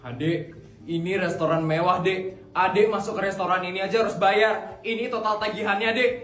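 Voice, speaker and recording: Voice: mid-range voice, fairly even intonation, moderate pace, a bit bright, close to an everyday voice. A performer voicing a courteous but insistent restaurant waiter in a comedy skit. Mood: firm. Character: polite restaurant waiter, firm. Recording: roomy sound with background music.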